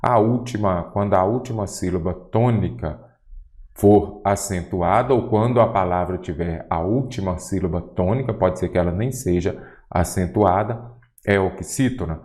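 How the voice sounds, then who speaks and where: A man's voice: sits low, moderate pace, a little mellow. A Brazilian man teaching an exam-prep grammar lesson, posing rhetorical questions and answering them himself. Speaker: Portuguese teacher.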